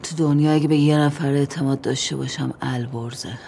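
An actress playing a distraught young woman on morphine, who fires back sharp, defiant retorts. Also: rumbling low, fairly even intonation, gravelly.

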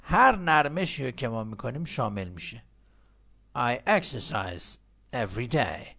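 Gravelly man teaching English slowly. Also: medium pitch, very animated, pushed and bright. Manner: switches between slow drilled English and fast explanation. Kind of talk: bilingual English lesson.

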